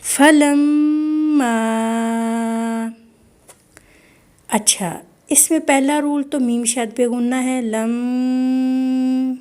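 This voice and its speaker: A woman teaching Quran recitation online, explaining each sound patiently and modelling words slowly again and again. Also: high voice, steady tone, a little mellow. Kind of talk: online tajweed lesson.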